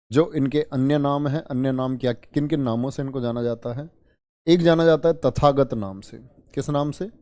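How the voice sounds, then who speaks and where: A man's voice: fairly high pitch, mellow, no room sound. A man teaching an online exam-prep history class, repeating key terms and quizzing his students as he goes. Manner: addresses students as children.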